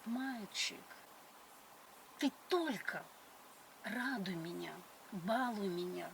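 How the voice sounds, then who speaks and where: A woman's voice: medium pitch, lively intonation, takes it slowly, creaky. A middle-aged woman chatting on a date in a grand, coquettish and condescending manner. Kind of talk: casual date chat. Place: inside a car. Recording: noisy car interior.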